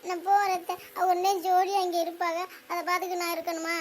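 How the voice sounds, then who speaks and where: A woman's voice: very high voice, little pitch movement, fast talker, a little hiss or hum. A woman voicing a jilted young woman in a cartoon family drama, whiny and reproachful. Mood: hurt. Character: jilted young woman, petulant would-be bride.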